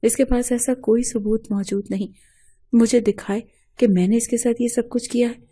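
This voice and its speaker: A woman reading the part of an accused husband in a storybook drama, pleading and indignant. The voice is very dark and mellow, close to a plain reading voice. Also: fairly high pitch, fairly even intonation, breathy edge. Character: distraught husband denying a false accusation.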